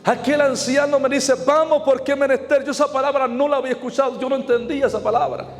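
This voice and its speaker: A man's voice: very high voice, steady tone, quick pace. A man preaching his testimony as an evangelist with a Mexican Spanish accent, passionate and dramatic. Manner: impassioned preaching, quoting voices in his story. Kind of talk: sermon testimony. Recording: hall reverb, faint music behind.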